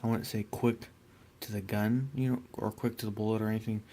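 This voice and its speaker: Relaxed, rambling man with a flat voice. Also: lowish voice, brisk. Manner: rambling, relaxed, many fillers and restarts. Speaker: miniature painter. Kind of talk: casual hobby tutorial.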